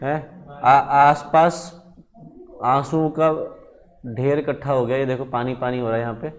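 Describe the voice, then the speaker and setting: A man's voice: medium pitch, little pitch movement, unhurried. A male teacher giving a lecture, talking directly to his students and checking in often. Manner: conversational, addresses students directly with frequent check-ins.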